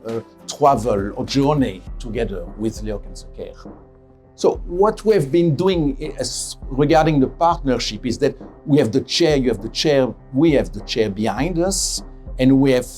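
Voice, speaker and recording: A middle-aged man from Belgium, a head of radiation oncology giving a measured interview, often correcting himself and stressing key words. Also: mid-range voice, a little mellow. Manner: measured, self-correcting, emphatic. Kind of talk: interview testimonial.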